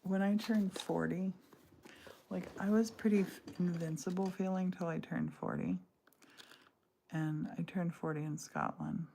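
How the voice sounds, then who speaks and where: A woman's voice: fairly low pitch, expressive, a little slow, vocal fry, warm tone, a little hiss or hum. A woman in her sixties chatting casually and rambling while crafting during a livestream from her home studio. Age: 60s. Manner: chatty, rambling, self-interrupting. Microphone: livestream device mic.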